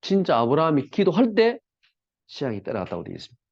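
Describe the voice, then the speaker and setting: A man's voice: fairly high pitch, huge pitch swings, quick pace, vocal fry, darkish tone, no echo. A male pastor preaching a sermon in a conversational, colloquial way, often asking the congregation rhetorical questions. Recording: dull lo-fi, dry.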